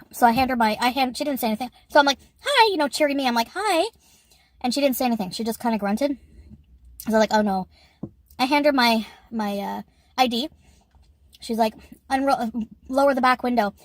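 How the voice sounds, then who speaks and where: A woman's voice: on the high side, fast talker, pauses often, no room sound. A woman chatting casually in an eating vlog, telling a story and giggling often as she talks. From Canada. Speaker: YouTuber.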